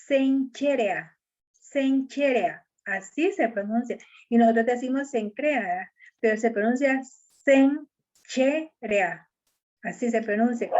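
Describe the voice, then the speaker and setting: A woman giving an earnest, conversational sermon and addressing her listeners as sisters. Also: a little high. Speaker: preacher at a women's church meeting. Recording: dull lo-fi recording.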